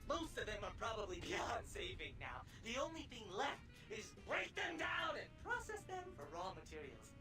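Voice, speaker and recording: A woman voicing a tiny, neurotic robot obsessed with coffee cups, swinging between whispers and shouts. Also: fairly high pitch, wildly swooping pitch, normal speed, hardly any pauses. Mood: manic lonely. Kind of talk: video game voice acting. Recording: game audio from far off with loud music.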